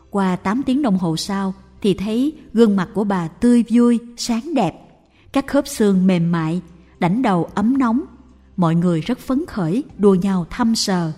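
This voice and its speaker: A woman reads a devotional story in a slow, measured, reverent way. Her voice is mellow and warm in tone. A long reverb trails her words, with faint music playing behind. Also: mid-range voice. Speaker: narrator. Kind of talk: scripted narration of a devotional story.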